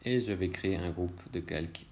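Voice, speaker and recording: A man, an illustrator talking through a screen-recorded software tutorial in a relaxed way, thinking aloud with frequent hesitations. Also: low voice, normal speed, slight background noise.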